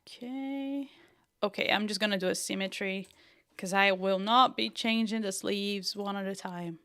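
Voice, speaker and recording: A young woman from Brazil, her accent a Brazilian and Northern Irish mix, talks at normal speed in a mid-range, slightly bright voice. She is giving a chatty design tutorial on a livestream, thinking aloud and muttering to herself as she works.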